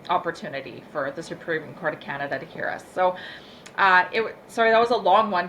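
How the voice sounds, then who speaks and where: Woman farmer guest, slightly low voice, earnest and emphatic storyteller. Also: a bit bright, a little hiss or hum. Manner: earnest, emphatic, tells a long story in detail. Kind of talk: interview storytelling.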